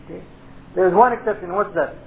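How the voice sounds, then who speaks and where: A man's voice: sits high, vocal fry. A man teaching an informal Islamic studies class, explaining step by step and dropping in Arabic terms. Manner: explanatory, pausing for checks like "okay", peppered with Arabic terms. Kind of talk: informal lecture with question and answer. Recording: tinny phone-like lecture tape, faint noise.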